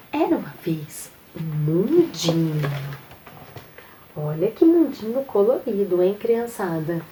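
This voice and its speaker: A woman storyteller reading a picture story to young children, coaxing and lively, talking straight to them. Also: fairly low pitch, a little hiss or hum, poor audio.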